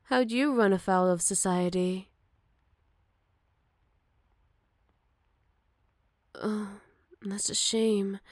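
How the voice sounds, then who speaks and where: A woman with a natural mid-range voice, recorded close and dry with no echo, plays a gentle, motherly older female werewolf who is protective and wistful in an ASMR roleplay. Speaking one-sidedly and intimately to the listener, she sounds gentle and curious, soft, caring, and unhurried, sometimes slipping into whispers.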